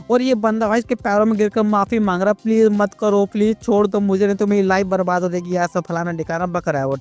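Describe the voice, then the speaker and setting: A man with a high-pitched voice recaps a comic story in loose, crude street slang. He keeps nudging the listener with buddy asides, while faint music plays beneath. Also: a little mellow. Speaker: manga recap narrator.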